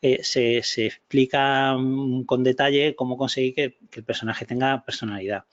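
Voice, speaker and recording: A man's voice: medium pitch, fairly even intonation, normal speed, dull audio. A man presenting a project in a webinar, explaining with many fillers and restarts.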